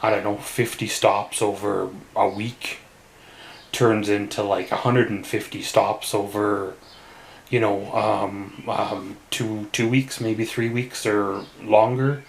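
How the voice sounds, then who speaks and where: A man from Canada rambling through a casual solo vlog in a weary, subdued way, halting often with long pauses. The recording is roomy and echoey. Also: lowish voice, flat delivery, vocal fry. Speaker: vlogger.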